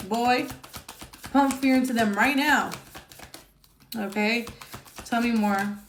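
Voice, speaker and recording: A woman's voice: fairly high pitch, slow pace, roomy sound, slight background noise. A woman giving a casual tarot reading, chatty and blunt, who swears freely and keeps checking in with "okay?". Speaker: tarot reader.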